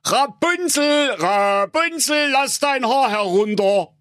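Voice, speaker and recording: A man's voice: very high-pitched, lively intonation, slow, a bit bright, no room sound, studio quality, voice pushed up, full character voice. A man voicing a dim-witted handsome young man in a comic fairy tale, talking in a bumbling, flustered way.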